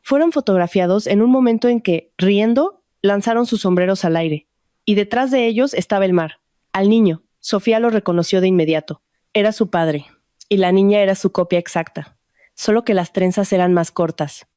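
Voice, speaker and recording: Woman narrator with a mellow voice. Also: mid-range voice, no room sound, clean studio sound. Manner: measured, even storytelling. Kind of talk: scripted story narration.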